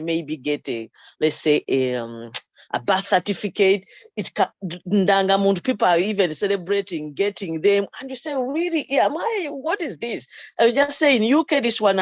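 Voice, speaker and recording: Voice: mid-range voice, no room sound. A guest from Uganda in a casual discussion, speaking animatedly and acting out little quotes. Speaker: guest caller. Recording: muffled dry lo-fi audio.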